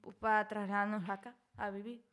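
A woman's voice: medium pitch, flat delivery, a little fast, a bit bright. A woman in her twenties from Spain, a guest on a casual radio interview, answering in short, hesitant replies. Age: 20s.

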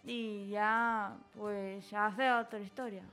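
Slow-speaking young woman, radio guest. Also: mid-range voice, steady tone, fairly bright tone, soft background music. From Spain. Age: 20s. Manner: short, hesitant answers. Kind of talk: casual radio interview.

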